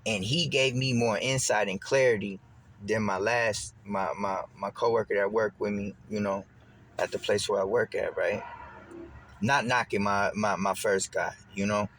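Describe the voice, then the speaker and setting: A young man casually recounting a dream, rambling and restarting his sentences, animated whenever he quotes someone. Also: on the low side, moderate pace, slight background noise. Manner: rambling, repeats words and restarts, animated when quoting. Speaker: vlogger. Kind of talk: casual storytelling.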